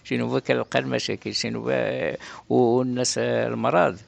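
A man's voice: medium pitch, little pitch movement, brisk, gravelly. A middle-aged man with a Moroccan accent answers interview questions about his craft in a casual, plain-spoken way, often repeating himself. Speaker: orthopedic shoemaker being interviewed.

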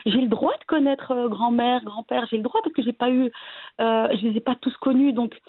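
A woman from Belgium, a guest talking casually and hesitantly about her family, with many pauses and restarts. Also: fairly high pitch, steady tone, slightly rough, no room sound. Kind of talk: casual interview conversation. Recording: tinny phone-like line.

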